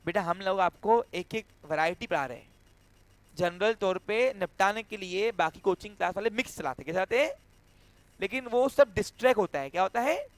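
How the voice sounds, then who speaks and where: A man with a high-pitched voice teaches commerce students, walking through accounting entries one step at a time. He keeps checking that the class understands and acts out small scenes with a student. The sound is dry, with little room echo. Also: animated, brisk. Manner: acts out a cash handover with a student. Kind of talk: classroom lecture.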